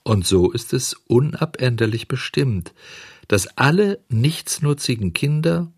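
A man reading a storybook aloud, voicing a kind, solemn little marmot who speaks slowly and soothingly. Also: mid-range voice, animated, husky, no echo, studio quality, pitched above the performer's own voice. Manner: slow, soothing, lecturing.

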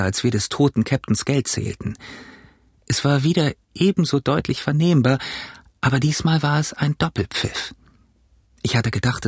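Man, audiobook narrator, husky voice, measured steady reading, mid pitch. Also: no room sound, studio quality.

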